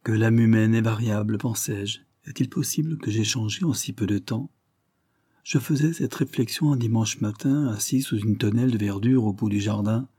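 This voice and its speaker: Husky, mellow male storyteller. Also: medium pitch, dry recording, clean studio sound. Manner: measured, reflective. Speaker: audiobook reader. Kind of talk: literary narration.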